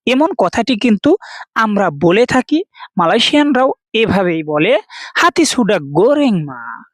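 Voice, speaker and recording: A woman's voice: mid-range voice, very animated, a little slow, dry recording. A woman from Bangladesh, patiently teaching words and explaining each one in turn. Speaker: language teacher. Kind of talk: slow explanatory lesson.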